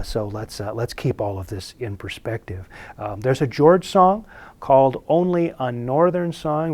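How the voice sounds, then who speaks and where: A man giving a casual recorded music lecture, relaxed and halting, with many fillers and restarts. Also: mid-range voice.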